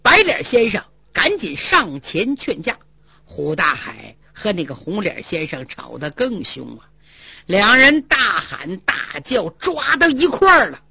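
A woman telling a traditional story with animated, dramatic narration. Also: medium pitch, unhurried, creaky, slightly rough, no echo, muffled recording.

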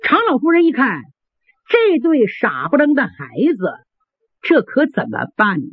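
A storyteller narrating a traditional tale with a lively, swooping delivery. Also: mid-range voice, unhurried, breathy edge, no echo. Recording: dry, tinny phone-like sound.

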